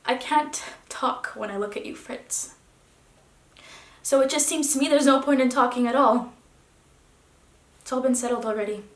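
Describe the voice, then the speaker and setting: A woman playing a resigned wife leaving her husband. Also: high voice. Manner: restrained, dropping to hushed tones, then rising. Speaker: actor. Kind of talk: theatrical stage monologue. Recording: echoey room.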